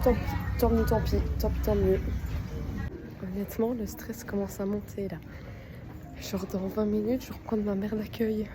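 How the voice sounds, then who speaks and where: A woman's voice: mid-range voice, flat delivery, moderate pace, background noise. A teenage girl with a Belgian French accent, chatting casually to the camera in a travel vlog, self-mocking and talkative. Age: teens. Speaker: exchange student vlogger. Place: airports, buses and planes while travelling.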